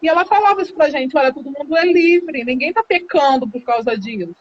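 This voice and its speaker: A Brazilian woman telling her own story in a casual, animated way, laughing often and acting out the dialogue. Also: sits high, brisk, slight background noise. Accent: Brazilian Portuguese. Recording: dull lo-fi live stream audio.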